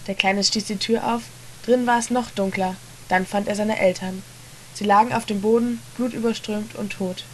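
A woman reading a story aloud in a hushed, dramatic narration. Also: medium pitch, a little hiss or hum. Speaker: reader.

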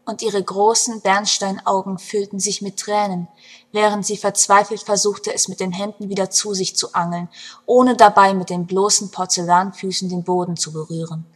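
Breathy woman reading a story aloud. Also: mid-range voice, moderate pace. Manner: expressive, with swings between hushed and loud passages. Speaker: narrator. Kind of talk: scripted storybook narration.

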